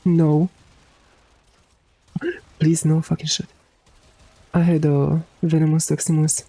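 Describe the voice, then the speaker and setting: Slow and breathy-edged, the mid-range voice of an androgynous Romanian-accented streamer drifts through casual talk with viewers while gaming, with frequent fillers and free swearing. The recording is dry and the audio poor.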